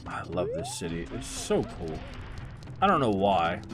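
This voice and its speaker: A man's voice: low voice, huge pitch swings, a little slow. A man giving casual, sarcastic let's-play commentary, swearing freely. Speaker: gaming video host. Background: game music.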